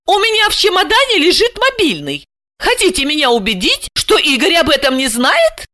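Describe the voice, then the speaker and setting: A woman voicing a nervous young woman in an audiobook, with a high, piping, pleading manner. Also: huge pitch swings, moderate pace, pushed and bright, no room sound, clean studio sound, full character voice. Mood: flustered. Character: nervous young woman Asya, squeaky and flustered. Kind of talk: audiobook character voice.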